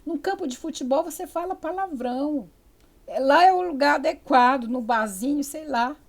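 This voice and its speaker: An older woman with a Brazilian Amazonas accent gives a university lecture. Her voice sits somewhat high, and her delivery is conversational and digressive, with frequent fillers and restarted phrases. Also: normal speed. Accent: Amazonas interior Brazilian Portuguese. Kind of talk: spoken lecture.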